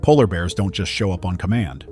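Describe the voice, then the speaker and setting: A man's voice: low voice, a little fast, a little mellow, soft background music, natural voice. A man reading the lines of a grizzled lead researcher, blunt and stern, in a storybook narration.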